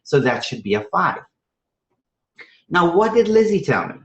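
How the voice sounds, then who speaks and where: Presenting live to teachers, this man from Trinidad and Venezuela teaches math strategies in an emphatic, conversational style full of rhetorical questions and frequent check-in tags. His fairly high voice is sing-song at a moderate pace, in an echoey room.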